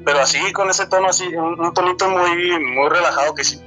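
A man in his twenties with a Mexican accent, telling a true encounter in a halting, repetitive way, often restarting his words. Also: sits high, sharp tone, faint music behind, low-quality recording. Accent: Mexican Spanish. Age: 20s. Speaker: storyteller sharing a true encounter. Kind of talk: casual spoken testimony.

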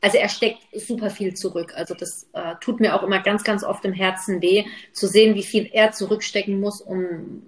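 A woman guest talks openly about family life in a casual chat. Her voice is middle-pitched, and there is a clear roomy echo around it. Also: fairly even intonation, moderate pace, few pauses. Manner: open, candid, many fillers. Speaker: podcast guest.

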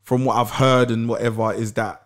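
A man's voice: mid-range voice, level tone, a little fast. A man hosting a casual sit-down chat, laid-back and repeating his phrases, full of street slang. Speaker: podcast host.

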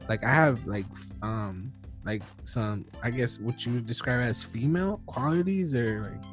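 A podcast host in his early thirties rambles through casual chat, full of fillers and restarts. He speaks at a normal speed in a mid-range male voice, with faint music behind him.

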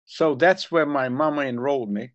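In lo-fi sound, an older man with a Hungarian accent, born in the Ukrainian Soviet Republic, rambles through long stories during a casual chat. His voice is mid-range at a normal speed, and he repeats words when restarting.

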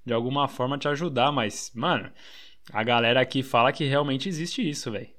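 A man's voice: medium pitch, fairly quick, a bit bright. A man with a Brazilian Portuguese accent, a podcast co-host chatting in a laid-back, slangy way. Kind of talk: casual chat.

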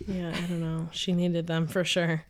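A young woman from New York state hosting a casual true-crime podcast, chatty and quick to laugh as she tells the story. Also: lowish voice, little pitch movement, a crowd in the background. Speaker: podcast host narrating the case.

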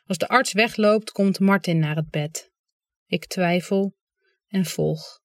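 An audiobook reader giving calm, understated first-person literary narration. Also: medium pitch, slow, no room sound, clean studio sound.

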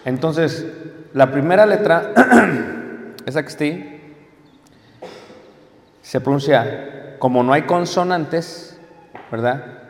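A man's voice: fairly high pitch, animated, slow pace, long pauses. A man teaching a class, explaining step by step and often checking in with his listeners. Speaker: teacher of biblical Hebrew. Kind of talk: classroom lecture. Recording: long hall reverb.

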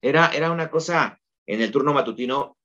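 A Mexican man chatting as a podcast guest, a lively storyteller who often uses fillers like "este". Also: mid-range voice, brisk, muffled recording. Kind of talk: casual interview chat.

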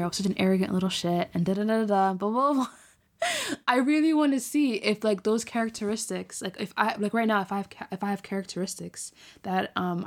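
A woman in her twenties co-hosting a podcast, chatting in an animated, teasing, rambling way. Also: mid-range voice. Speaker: podcast co-host. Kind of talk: casual chat.

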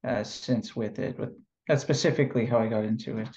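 With a voice on the low side and a muffled recording, a California man discusses his job as an NLP trainer during an interview. He answers easily and reflectively, with many pauses and fillers.

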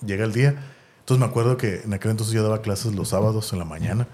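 A man's voice: fairly low pitch, fast, a little mellow, a little hiss or hum. A man with a Mexican accent in a casual podcast chat, animatedly telling a long anecdote and tagging his phrases with "¿no?".

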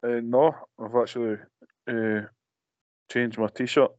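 A man's voice: mid-range voice, steady tone, slow pace, darkish tone, no echo, lo-fi sound. Guy ranting on a podcast, swears a lot, dry dullish sound. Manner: blunt, sweary, laughs often. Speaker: podcast co-host. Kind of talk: casual podcast chat.

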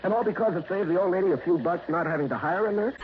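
A man's high-sitting voice moves at a quick pace, close to how he'd normally talk, as he acts the part of a chatty, eager small-town newsman in an old radio drama from the 1960s. His delivery is insinuating, and the dull old recording carries hiss.

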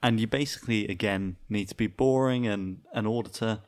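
A man co-hosting a travel podcast, chatting casually with wry, deadpan sarcasm. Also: lowish voice, a little fast. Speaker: podcast co-host. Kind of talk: casual chat.

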